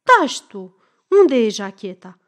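A woman voicing a hot-tempered middle-aged male clerk who shouts and threatens in an audiobook story. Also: a little high, big pitch swings. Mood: impatient.

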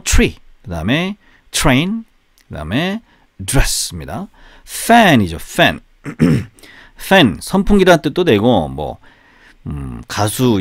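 A man who speaks Korean as his first language, teaching English pronunciation by repeating each word slowly and drilling it aloud. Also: fairly low pitch, no room sound, clean studio sound.

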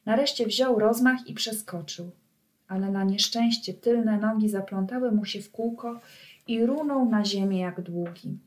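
A woman storyteller reading a classic children's tale aloud to young listeners. Her narration is calm and even, at a middle pitch for a woman. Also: unhurried.

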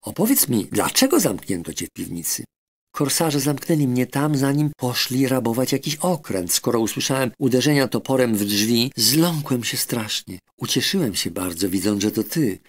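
A man's voice: mid-range voice, very animated, moderate pace, pitched above the performer's own voice. A man voicing a tearful, frightened young boy in a children's audiobook. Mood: eager. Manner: pleading, anxious storytelling.

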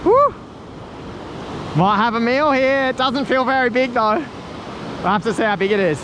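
Excitable Australian man fishing in surf. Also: very high voice, measured pace. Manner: excitable, laughing, exclaiming at catches. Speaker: fishing channel host. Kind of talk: casual fishing vlog chat. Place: outdoors on a surf beach at sunset. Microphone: head-mounted action camera. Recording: loud surf and wind noise outdoors.

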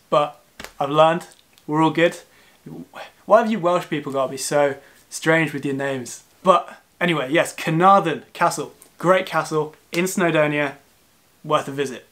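Sitting on his living room sofa, a twenty-something travel vlogger talks casually to the camera, chatty and quick to poke fun at himself. His voice runs on the high side and fairly bright, with fairly even intonation and a moderate pace.

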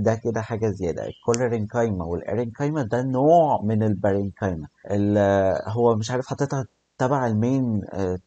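A man's voice: on the low side, dark tone, dull audio, a little hiss or hum. A young man with an Egyptian accent, teaching in a casual recorded lesson that mixes in many English terms and often checks in with listeners. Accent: Egyptian Arabic. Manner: explains in colloquial speech full of English terms, with restarts and check-ins.

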